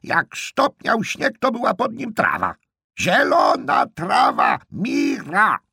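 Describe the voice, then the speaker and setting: A man voicing a deaf ninety-three-year-old woman who yells her weather predictions at the top of her lungs, in an audiobook reading. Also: sits high, wildly swooping pitch, slow pace, creaky, slightly rough, no room sound, clean studio sound, pitched above the performer's own voice, full character voice. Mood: shrieking. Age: 90s.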